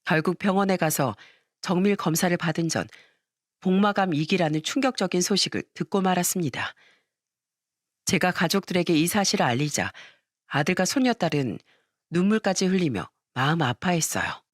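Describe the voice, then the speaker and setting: A woman telling a scripted first-person story in a measured, plain way. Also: lowish voice, expressive, no room sound, clean studio sound. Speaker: narrator.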